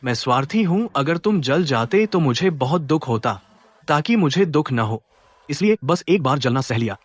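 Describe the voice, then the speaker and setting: An actor dubbing a calm, patient young husband and grandson. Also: male voice, on the high side, normal speed, no room sound, dull audio. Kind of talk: Hindi drama dubbing. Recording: dialogue over music.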